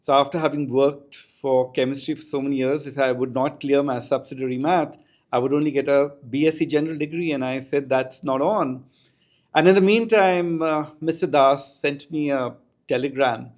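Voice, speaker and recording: A man's voice: mid-range voice, normal speed, darkish tone. A middle-aged man with an Indian accent, reflectively telling personal anecdotes as an interview guest in an articulate way. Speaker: podcast guest, school educator.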